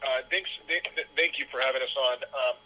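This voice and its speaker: A man, a documentary filmmaker, telling his story in an interview with quick, stumbling restarts. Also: mid-range voice, bright, forceful tone, poor audio. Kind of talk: casual interview talk.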